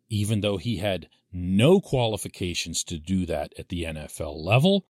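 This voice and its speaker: Guy hosting a sports podcast, scathing takes, really punches key words, pitch all over, dry sound. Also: dry recording. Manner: scathing, pointed criticism; emphatic, deliberate phrasing with drawn-out stressed words. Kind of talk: opinionated solo sports commentary.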